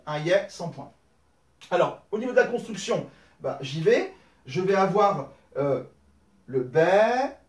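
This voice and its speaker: A man's voice: high-pitched, darkish tone, echoey room, recorded from a distance. A man teaching a language lesson at a whiteboard, explaining step by step and often checking in with "d'accord?". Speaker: Arabic teacher.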